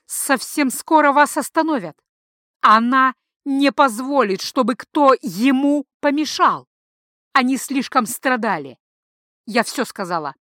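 Woman reader voicing a crazed blind priestess, high bright voice, flirtatious, erratic, dry close sound, audiobook. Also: sing-song, normal speed, no echo. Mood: shrieking prophecy. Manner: flighty, swings between coy and shrieking prophecy.

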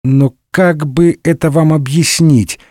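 A man's voice: a little high, fairly even intonation, slow, mellow, no room sound, clean studio sound, pitched above the performer's own voice. A man voicing a scheming, sardonic middle-aged cardinal in a comic audiobook, wry and condescending. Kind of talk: audiobook character voice.

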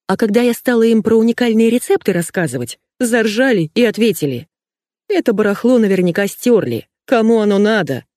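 A woman's voice: animated, brisk, mellow, dry recording, clean studio sound, natural voice. A woman reading an audiobook and voicing a hysterical young woman friend who wails and complains indignantly. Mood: bitter complaining. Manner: wailing, shrill and indignant.

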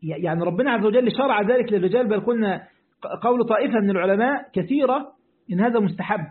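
A man's voice: high voice, fast talker. A man with an Egyptian Arabic accent, a sheikh giving a religious lesson who speaks straight to his listeners, repeats his points and answers their questions. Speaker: sheikh teaching Quran commentary. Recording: tinny phone-like line.

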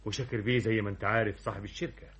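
Man acting a pompous, fast-talking Egyptian company boss. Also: fairly low pitch, fairly even intonation, a bit bright, dull audio, lightly acted. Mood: smug, boastful. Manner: pompous, brusque, self-important. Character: boastful, imperious new male company director, contemptuous of his predecessor. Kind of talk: old Egyptian radio comedy-drama acting.

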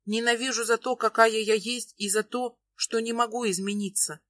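Woman narrator, emotional measured first-person reading, dry close mic. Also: on the high side, steady tone, a bit bright, no echo. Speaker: audiobook narrator.

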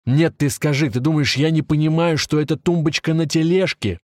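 Audiobook role: brutal veteran cop, shouts everything, sneering; male reader puts him on. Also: medium pitch, moderate pace, dry recording, clean studio sound, pitched above the performer's own voice, natural voice. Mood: yelling, contemptuous. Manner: shouting, crude and scornful. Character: harsh older male police officer, bullying. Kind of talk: audiobook narration.

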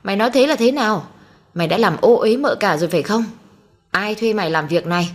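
Storybook figure: woman voicing a young master, furious, raised scolding voice, quick. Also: on the high side, lively intonation, voice pushed up. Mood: enraged. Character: furious young master of a rich household, male.

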